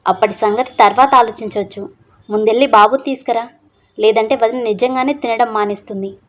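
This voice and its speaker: This is a practical, caring young man in a read-aloud story, voiced by a woman narrator. He urges his brother on in a plain, matter-of-fact way. The voice is a touch higher than average. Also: steady tone, a little fast, natural voice. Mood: urging.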